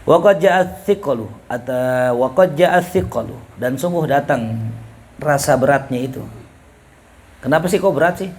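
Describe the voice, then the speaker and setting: A man's voice: mid-range voice, moderate pace, pauses often. Guy teaching a class, chatty and jokey, keeps asking the students stuff. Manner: relaxed, jokey, asks students questions, reads Arabic then explains. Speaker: ustadz teaching Arabic rhetoric. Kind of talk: casual classroom lecture.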